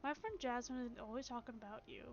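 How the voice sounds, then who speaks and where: Soft shy spider witch, as a woman puts her on. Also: fairly high pitch, quick pace, slight background noise, natural voice. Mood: nervous. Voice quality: soft, hesitant. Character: shy nervous young female spider witch. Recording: dull lo-fi stream audio with game music.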